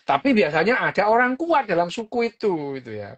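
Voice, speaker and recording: A woman's voice: mid-range voice, sing-song, brisk, slightly rough, lo-fi sound. A woman, hosting a podcast and explaining a book in a casual, chatty way, full of fillers and little jokes.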